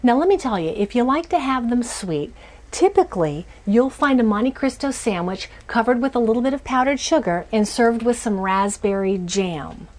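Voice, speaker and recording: A woman's voice: a little high, lively intonation, moderate pace, a little mellow. A woman in her forties hosting a cooking show from a small RV kitchen, chatty and upbeat as she walks through each step. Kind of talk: cooking demonstration.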